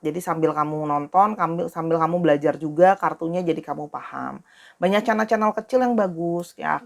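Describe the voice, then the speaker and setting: A woman's voice: on the low side, vocal fry. A woman doing a casual tarot reading, talking straight to her viewers in a friendly, repetitive way. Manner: friendly, talks directly to viewers, repeats herself. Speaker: tarot reader.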